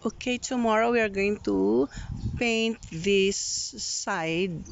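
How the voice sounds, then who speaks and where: A woman slowly and casually tours her house under renovation, moving between outdoors and inside while filming on the phone she holds. Her mid-range voice is gravelly, and she narrates plainly with fillers, teasing the workers. The phone audio is dull, with some hiss or hum and other voices around.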